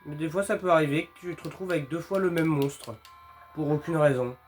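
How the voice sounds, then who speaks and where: A man with a slightly high voice commentates casually on a horror game as he plays. He reacts like a jittery, exasperated gamer and swears mildly, with music playing faintly behind him. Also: brisk.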